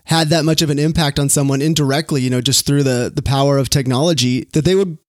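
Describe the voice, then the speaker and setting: A man hosting a podcast interview, asking questions and affirming his guest in an earnest, measured way. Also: medium pitch, steady tone, dry recording, clean studio sound. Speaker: podcast host.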